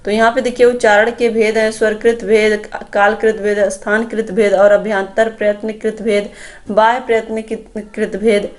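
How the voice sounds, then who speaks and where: A woman's voice: medium pitch, level tone, moderate pace, hardly any pauses. A young adult woman teaching an exam-prep grammar lesson, explaining step by step and pointing the listener to examples on slides. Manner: explanatory, addresses viewers as friends, points at slides.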